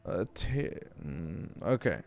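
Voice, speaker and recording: A man's voice: deep voice, sing-song, slow pace, a little mellow. A young man streaming a game, hesitant and mumbling, his voice distant and muffled as if heard through a wall. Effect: sounds far away and muffled, as if through a wall. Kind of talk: casual chat while streaming a game.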